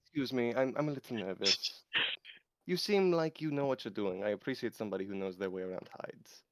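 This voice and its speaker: A man's voice: mid-range voice, expressive, fairly quick, close to an everyday voice, poor audio. A man playing a young illusion mage in a tabletop game, earnest and wordy, by turns nervous and defiant.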